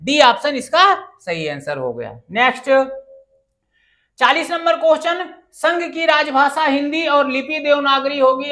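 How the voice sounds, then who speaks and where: A woman with a high, bright voice works through exam questions one after another. She asks the class each question, then answers it herself with a steady teacher's rhythm. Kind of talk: exam-prep grammar lesson.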